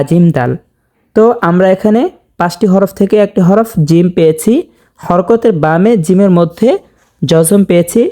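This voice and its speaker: Brief: male recitation teacher, unhurried and warm, drawn-out chanted words between patient explanations. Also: high voice. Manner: patient, repeats each word slowly and stretches recited vowels; addresses viewers directly as dear viewers. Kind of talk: step-by-step tajweed lesson.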